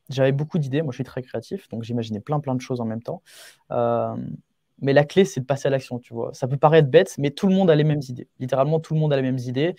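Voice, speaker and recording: With a mellow, mid-range voice, a young man of eighteen answers podcast interview questions as an entrepreneur offering advice. He's earnest and informal yet emphatic, returning often to key phrases, and the recording is studio quality with no room sound.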